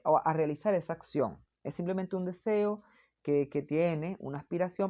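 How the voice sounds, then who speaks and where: A woman with a slightly low voice gives a patient, explanatory language lesson. She repeats her examples slowly and carefully, as if for learners following along. She often drops in short checking questions and fillers. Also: a little mellow. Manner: frequent checking tags and fillers. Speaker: Mandarin teacher.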